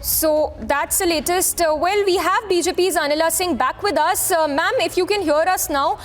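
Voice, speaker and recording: A high-voiced woman with an Indian accent anchors live breaking news, ad-libbing haltingly and repeating the same points as she reports. Faint music plays behind her.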